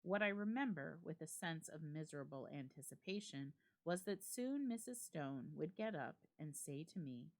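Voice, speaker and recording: Reading a classic ghost story aloud, a library staff member uses a slightly low voice with a highly animated melody. She keeps her delivery measured and expressive, pausing deliberately between phrases.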